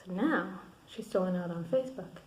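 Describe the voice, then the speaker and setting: A woman recording a candid video diary alone in her room at night, venting and swearing about a hard day, often dropping to a hushed, half-whispered voice. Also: fairly low pitch, normal speed, reverberant, poor audio. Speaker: vlogger.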